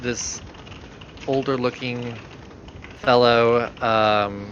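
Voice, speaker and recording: A man's voice: mid-range voice, fairly even intonation, drawn-out words, fairly bright tone, muffled recording, slight background noise. A man narrating a tabletop game as game master, hesitant and full of fillers.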